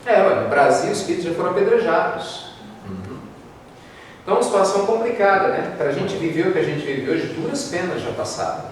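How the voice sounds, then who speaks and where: A man from Brazil with a Brazilian Portuguese accent, giving a spiritist talk as a lively storyteller in a large lecture hall. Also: high voice, brisk. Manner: lively storyteller, acts out quoted voices. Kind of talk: spiritist talk with told stories. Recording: echoey hall, distant mic, faint noise.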